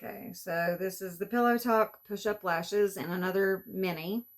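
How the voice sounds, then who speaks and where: A woman's voice: medium pitch, steady tone, normal speed, a little hiss or hum. A woman vlogger, chatting casually through an unboxing, exasperated and complaining as she goes. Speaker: beauty vlogger.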